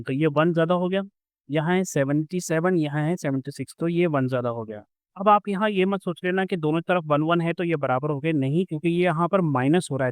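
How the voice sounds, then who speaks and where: Guy explaining math step by step, bit higher voice, dry close sound. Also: a bit bright, no echo. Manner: patient, explains step by step with everyday examples. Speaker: math teacher. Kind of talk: explaining a school math lesson.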